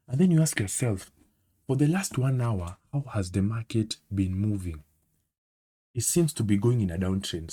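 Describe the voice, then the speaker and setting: A man's voice: fairly low pitch, dark tone. A man with a Kenyan accent giving a screen-recorded trading tutorial, talking conversationally and checking in often with "okay?". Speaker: trading instructor.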